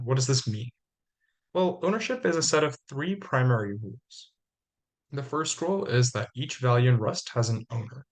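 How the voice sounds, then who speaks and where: A young man with a sore throat, slightly sick, giving a measured, explanatory slide lecture step by step. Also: medium pitch. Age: young adult.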